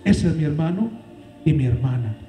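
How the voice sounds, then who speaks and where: A man preaching a sermon as pastor, with dramatic swings in pitch and loudness. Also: lively intonation, moderate pace, echoey room, faint music behind, low-quality recording. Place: church.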